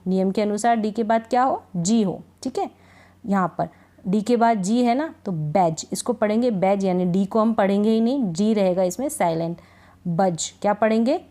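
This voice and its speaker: A woman teaching English reading in Hindi, drilling word lists slowly and checking in with her students over and over. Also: medium pitch, dark tone. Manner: slow, repetitive drilling of words, frequent "thik hai" check-ins. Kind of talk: Hindi-language phonics lesson.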